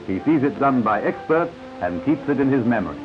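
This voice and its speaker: A man narrates an old newsreel in a confident announcer voice, his pitch rising and falling with lively swings. The sound is dull and lo-fi, like a 1950s newsreel soundtrack, with music playing clearly underneath. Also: fairly quick. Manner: confident announcer delivery with asides to the viewer.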